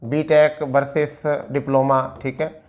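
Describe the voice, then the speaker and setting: A little slow and level in tone, this mid-range male voice belongs to an Indian-accented educational presenter going over an on-screen document. He explains informally, repeats himself, answers his own questions, and mixes in English terms.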